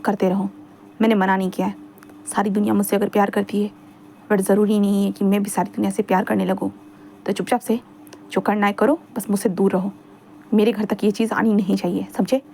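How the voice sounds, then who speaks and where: A woman's voice: mid-range voice, brisk, a little hiss or hum, lightly acted. A woman voicing a rude, aloof man who answers curtly and dismissively in a read-aloud fan fiction story. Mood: cold. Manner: curt, dismissive, flat. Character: cold, rude male alpha, aloof businessman.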